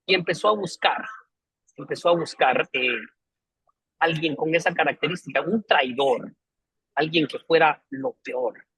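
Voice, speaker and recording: A man's voice: fairly high pitch, animated, unhurried, creaky, long pauses, a bit bright, slightly rough, dry recording, low-quality recording. A man, a pastor, teaching a theology class and telling a story in an earnest, emphatic, preacherly way. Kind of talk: storytelling lesson.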